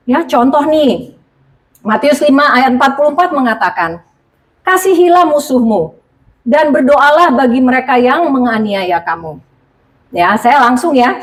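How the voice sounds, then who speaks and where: A woman preaching, telling a personal testimony in a conversational, animated way and speaking directly to the congregation. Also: medium pitch.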